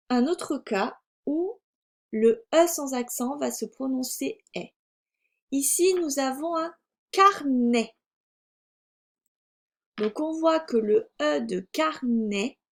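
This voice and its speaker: A woman primary school teacher from France giving a recorded reading lesson to young children, sounding out syllables slowly and deliberately. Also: high voice, creaky. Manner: slow, deliberate, over-articulated sounding out of syllables.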